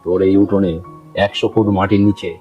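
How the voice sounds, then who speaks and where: A man playing a boastful wandering holy man who speaks in slow, solemn pronouncements in a comedy skit. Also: sits low, level tone, over music, lightly acted, poor audio. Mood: solemn boasting.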